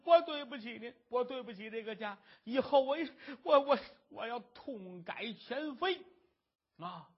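A man's voice: very high voice, animated, measured pace, husky, exaggerated voice. A man voicing a remorseful grown son, a former gambler, begging his mother's forgiveness in a dull lo-fi recording. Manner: pleading, sobbing apologies.

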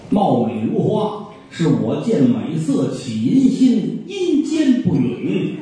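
A stern magistrate interrogates a suspect in a commanding, barking voice, as a male storyteller puts him on. His voice is high and swings wildly in pitch. It sounds as if it comes from far off in a very echoey hall. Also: warm tone, a little hiss or hum, heavily acted.

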